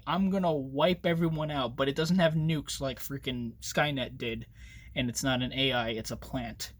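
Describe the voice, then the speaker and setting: A young man giving a casual spoken book review, rambling and excitable, swearing often and trailing off with fillers. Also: fairly high pitch.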